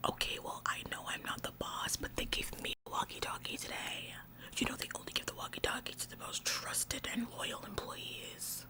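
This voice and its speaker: In a whispered ASMR roleplay, a female performer lightly acts a bossy, officious store employee who is a smug tattletale. She sounds stressed and nagging, speaking in a halting, repetitive, passive-aggressive way.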